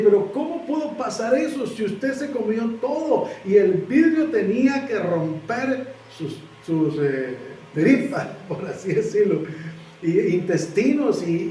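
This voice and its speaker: A man preaching, telling a story slowly and earnestly and acting out its dialogue. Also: sits high, mellow, echoey room, distant mic, a little hiss or hum, rough recording. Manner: slow, earnest retelling with acted-out dialogue. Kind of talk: sermon storytelling.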